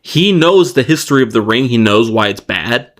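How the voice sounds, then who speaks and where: A man co-hosting a podcast, moving between relaxed chat with fillers and restarts and read-out passages of plot summary. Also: medium pitch, moderate pace. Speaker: podcast co-host. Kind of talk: casual chat mixed with reading a plot summary.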